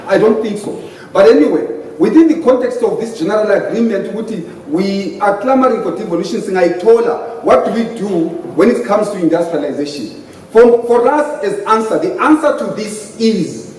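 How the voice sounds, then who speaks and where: A man's voice: high voice, darkish tone. A middle-aged man with a Zimbabwean accent giving an impassioned, emphatic debate speech as a party panelist, mixing English and Ndebele. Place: hotel conference hall. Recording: very echoey hall, distant mic, faint noise.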